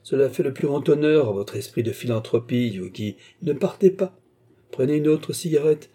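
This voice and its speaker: A man reading aloud, voicing a cheerful, teasing male painter in a husky, dark voice. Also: mid-range voice, animated, moderate pace. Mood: amused. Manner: breezy, teasing.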